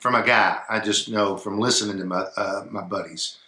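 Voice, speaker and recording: Man, low voice, bright tone, relaxed advice chat, echoey room. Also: moderate pace, a little hiss or hum. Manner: relaxed, trails off quietly, many fillers. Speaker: co-host of an advice show. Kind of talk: casual advice chat and reading a viewer email.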